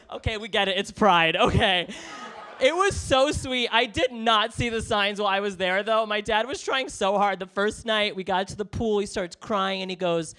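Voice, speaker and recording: A brash, profane male stand-up comedian working a basement club crowd. His voice sits high for a man, and he swings between quick patter and loud, animated yelling on the punchlines. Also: smooth.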